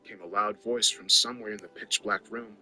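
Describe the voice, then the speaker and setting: First-person story narrator, male, low voice with a sharp bright edge, wry and conversational over faint music. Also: steady tone, brisk.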